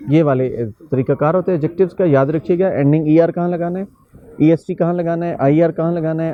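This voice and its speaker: A man with a slightly high voice teaching an English grammar lesson, working through one example after another. He slows down carefully for each example phrase. The recording sounds muffled and lo-fi. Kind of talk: grammar lecture.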